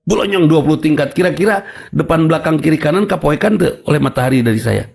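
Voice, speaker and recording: A man's voice: fairly high pitch, quick pace, creaky, darkish tone, slightly rough. A man with a Sundanese accent preaching a sermon, telling humorous stories. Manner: humorous, storytelling, mixing in local words. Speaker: Islamic preacher.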